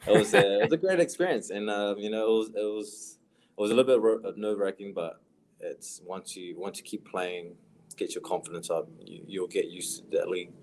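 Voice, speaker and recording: Deep-voiced young New Zealand man. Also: fairly quick, darkish tone, a little hiss or hum. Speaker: professional footballer guest. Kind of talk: casual podcast interview.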